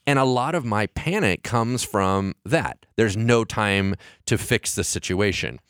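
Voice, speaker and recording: Lower-voiced man, animated and close-miked. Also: unhurried, clean tone, no echo. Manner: animated, acts out quoted inner voices. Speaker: co-host. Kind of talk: casual podcast conversation.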